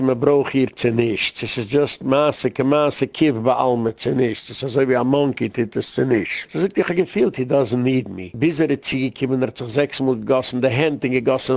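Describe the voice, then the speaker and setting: A man's voice: medium pitch, darkish tone. A man, a rabbi, giving a rambling community lecture and retelling stories, with English words mixed in. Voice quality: gravelly.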